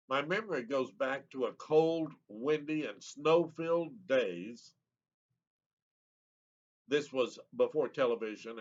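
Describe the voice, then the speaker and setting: A man in his seventies reading his own childhood memoir aloud in an unhurried, reminiscing, plain-spoken way. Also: medium pitch. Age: 70s. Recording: slightly muffled lo-fi recording.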